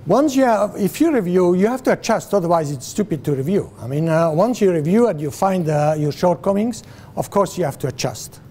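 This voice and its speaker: A Swiss man in his sixties guest lectures students in an indoor classroom with a screen, gesturing, asking questions, and using many fillers and restarts. His high, dark-toned voice moves fairly quickly with lively intonation. A far camera with no visible mic records him, with slight background noise.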